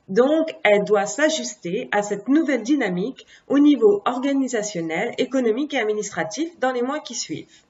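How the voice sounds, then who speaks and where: A woman explaining stock charts in a relaxed, conversational lesson. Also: a little high. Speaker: trading teacher. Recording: dull lo-fi recording.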